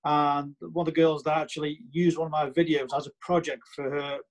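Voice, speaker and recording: Bloke with a stoke accent chatting on a podcast, voice a bit on the high side, keeps hammering his point. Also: flat delivery, fairly quick. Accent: Stoke-on-Trent. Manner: chatty, emphatic, repeats points and tags with "you know". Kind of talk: casual podcast chat.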